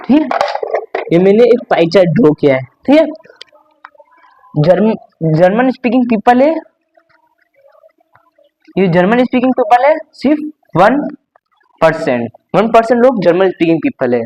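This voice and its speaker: A man's voice: sits high, sing-song, moderate pace, pauses often, darkish tone, rough recording. Young man teaching a lesson. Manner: repetitive, explaining step by step with frequent "okay". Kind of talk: class lesson.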